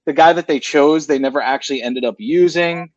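A man's voice: a little high, fairly quick, no room sound. Rambling talk-radio man, dull lo-fi sound. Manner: rambling, self-correcting storyteller. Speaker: radio show co-host. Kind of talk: casual chat.

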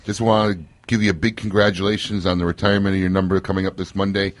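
A man's voice: sits low, flat delivery, quick pace, no echo. A man in his thirties from Chicago hosting a casual radio show, joking and interviewing with plenty of fillers.

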